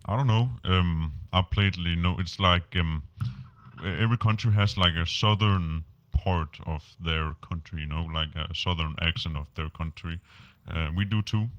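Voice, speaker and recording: A Danish man appears as a podcast guest, chatting casually in English and speaking haltingly with many fillers and restarts. His voice sits low and is a bit bright, recorded with no echo and the highs cut off.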